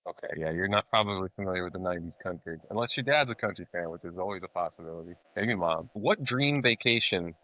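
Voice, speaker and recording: A middle-aged man with a bright, forward voice on the low side, hosting a podcast interview. He is chatty and jokey, with a casual upbeat delivery, and the sound is dry and close. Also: animated, fast talker, few pauses, no room sound, rough recording.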